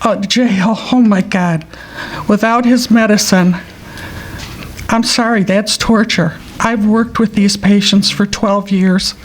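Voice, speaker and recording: A woman delivers an earnest podium speech during public comment. Her wording is plain and halting, in a medium-pitched voice. Faint room noise sits behind her. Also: steady tone. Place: council meeting room.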